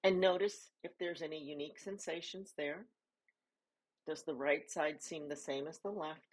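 A woman leading a guided body scan meditation, giving soft, calm instructions with pauses between phrases. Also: low-pitched.

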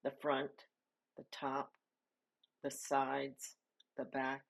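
A woman leading a guided body scan meditation, giving soft, calm instructions with pauses between phrases. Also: a bass voice, vocal fry.

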